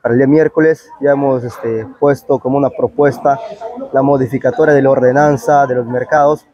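A town councillor in his thirties with a Peruvian Spanish accent answers a news interview in a covered market, recorded on a clip-on lapel mic. His mid-range voice is steady and fairly quick, and the audio sounds dull.

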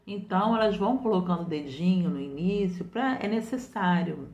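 A woman's voice: fairly low pitch, lively intonation, normal speed, a little mellow. A woman from Brazil, a literacy teacher, explains patiently and step by step, often repeating her points. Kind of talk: didactic explanation. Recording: roomy, muffled home recording.

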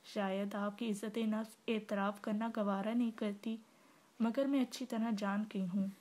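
A woman reading the part of a calm young wife who speaks softly and steadily in a storybook novel. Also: mid-range voice, unhurried, lightly acted. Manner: soft, composed.

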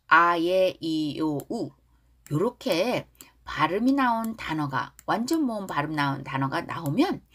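A woman's voice: on the low side, a bit bright, slightly rough. A woman teaching English pronunciation through song lyrics, drawing out each lyric line for her students to repeat and then explaining it. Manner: drawls lyric lines slowly for repetition, then explains quickly.

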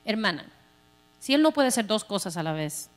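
A woman pastor preaching a sermon in an animated way, acting out everyday scenes. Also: mid-range voice, normal speed, soft background music.

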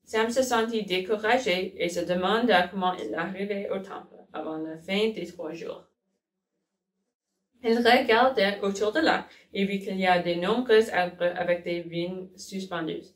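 A woman reading a children's storybook aloud, slowly and carefully, sometimes correcting herself. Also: medium pitch. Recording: roomy, from a distance.

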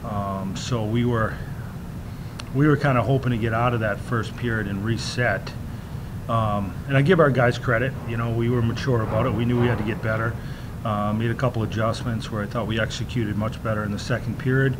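A man's voice: medium pitch, steady tone. Man coaching, noisy press room. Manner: measured, many fillers and restarts. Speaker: head hockey coach. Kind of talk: postgame press conference. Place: press room in front of a logo backdrop. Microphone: table mic.

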